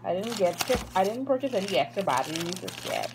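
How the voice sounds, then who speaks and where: A woman vlogger gushing over an unboxing in a casual, animated way, repeating excited exclamations. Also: on the low side, a little fast, very noisy.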